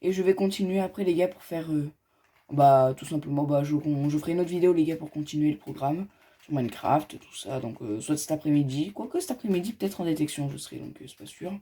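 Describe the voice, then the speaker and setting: A man's voice: fairly high pitch, a little fast, mellow. A man giving casual game commentary as a gaming youtuber, chatty and rambling, talking straight to his viewers.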